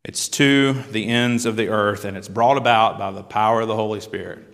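A man's voice: fairly low pitch, fairly even intonation, brisk, a bit bright. A male pastor preaching a sermon and reading scripture aloud, voicing the quoted cries with rising force. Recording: long hall reverb.

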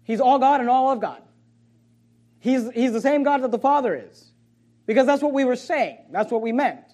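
A man preaching a sermon as pastor, emphatic and at times sarcastic, with quick swings in volume. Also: extremely high pitch, animated, a little mellow.

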